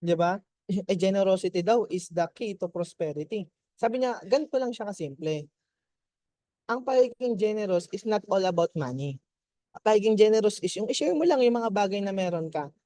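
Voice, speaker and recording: A man's voice: high-pitched, lively intonation, normal speed, mellow, no room sound. A man speaking as a mentor to his team, giving a chatty Taglish motivational testimony and often checking in with his listeners. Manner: chatty, keeps checking in with "di ba?" and laughs.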